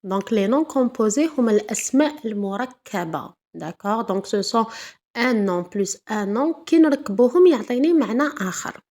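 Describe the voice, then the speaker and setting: A woman with an Algerian accent teaching a French lesson to primary pupils, saying words slowly and checking "d'accord?" after each point. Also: a little high, expressive, a little mellow. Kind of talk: classroom lesson.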